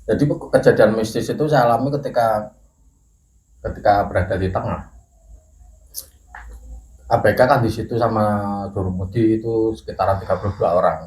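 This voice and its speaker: A middle-aged man telling a ghost story in casual chat, measured and unhurried, clearing his throat now and then. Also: lowish voice, darkish tone. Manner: measured storytelling with pauses and occasional coughs. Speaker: guest storyteller. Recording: echoey room with faint noise.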